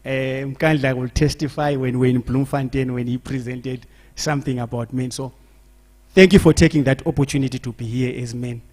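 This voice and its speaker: A man's voice: medium pitch, fairly even intonation, a little fast, a little mellow. A man introducing the guest speaker at a church program, chatty and laughing between his phrases.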